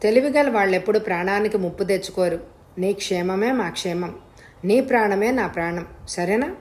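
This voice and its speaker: A woman's voice: mid-range voice, a little fast, darkish tone, lightly acted. A woman voicing a scheming male villain who threatens and commands coldly, in a storybook reading. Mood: menacing.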